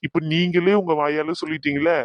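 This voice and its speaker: Polite young man for a cartoon, quick-talking, slightly dull lo-fi sound, a man doing the voice. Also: fairly high pitch, flat delivery, no echo, lightly acted. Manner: polite, explaining. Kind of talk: cartoon voice acting.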